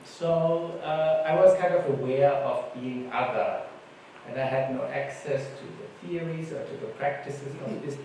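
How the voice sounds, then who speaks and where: A German man, a native German speaker, tells informal anecdotes as a panelist at a conference talk. His voice sits on the high side, with an unhurried pace and a darkish tone. The recording comes from an echoey conference hall through a distant mic, with faint background noise.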